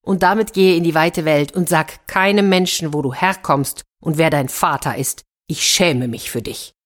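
A woman's voice: low voice, normal speed, lightly acted. A woman voicing a stern, exasperated old village father in a children's fairy-tale reading. He scolds and sighs wearily. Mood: scolding.

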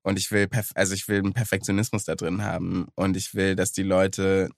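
Male podcast guest from Germany, lower register, dry close sound, drops American-accented English into casual German chat. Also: flat delivery, brisk, vocal fry, no room sound. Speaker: guest singer.

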